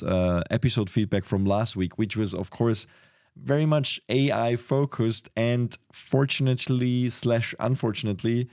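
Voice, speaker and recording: A man hosting a casual podcast, talking with a cold in a relaxed, rambling way. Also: lowish voice, gravelly, no room sound, studio quality. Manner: relaxed, rambling, restarts often. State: has a cold. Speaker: podcast host.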